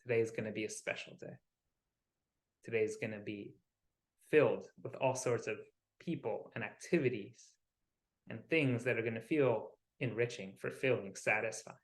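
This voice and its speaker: Speaking like a wellness coach, a man leads a guided meditation, his voice mid-pitched. He keeps things calm and slow, offering brief phrases with pauses in between, and the large space around him echoes.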